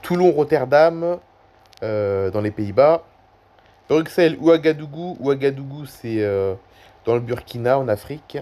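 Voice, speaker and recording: A man at his desk talks through a flight-tracking map for his video viewers. His delivery is loose and conversational, full of small hesitations and self-corrections. His voice sits at an ordinary, middling pitch. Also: animated, unhurried, mellow. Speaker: YouTuber. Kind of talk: casual screen-recording commentary.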